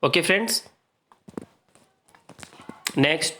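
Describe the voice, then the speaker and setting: A man's voice: fairly high pitch, animated, slow pace, bright, forceful tone. A man with an Indian accent teaching an exam-prep grammar lesson, reading out word pairs and drilling students to repeat them.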